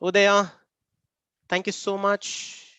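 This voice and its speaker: A man's voice: high voice, monotone, slow, pushed and bright, clean tone, no room sound. A man with a Tamil Indian English accent, chatting informally as the host and trainer of an online workshop and repeatedly thanking participants. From Namakkal, Tamil Nadu, India. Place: online video meeting.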